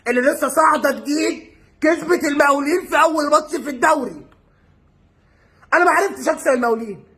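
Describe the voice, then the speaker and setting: An Egyptian man giving an excited, exasperated football reaction rant, mocking and full of rhetorical questions. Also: extremely high pitch. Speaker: football fan vlogger.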